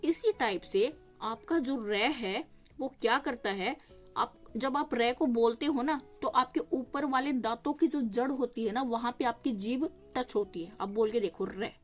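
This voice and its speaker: Soft music plays in the background as a young woman with a slightly high voice teaches exam-prep grammar. She explains patiently, answering her own questions and slowly pronouncing each consonant.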